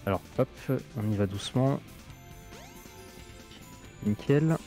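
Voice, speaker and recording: A man's voice: fairly low pitch, animated, slow, warm tone, soft background music. A man giving chatty gameplay commentary through an 8-bit bitcrushed voice filter, reacting to the game as he plays. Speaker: gaming streamer.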